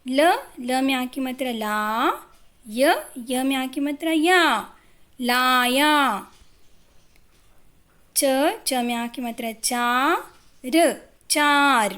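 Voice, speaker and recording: A woman teaching young children to read, sounding out syllables one at a time in a patient, drawn-out way. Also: sits high, fairly bright tone, clear, resonant tone. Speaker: primary school teacher. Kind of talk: Hindi phonics lesson for young children.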